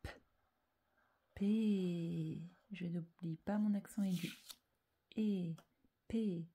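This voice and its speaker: A woman teaching a slow spelling dictation to young children, calm and deliberate, repeating each syllable and often dropping into a whisper. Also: lowish voice, breathy edge.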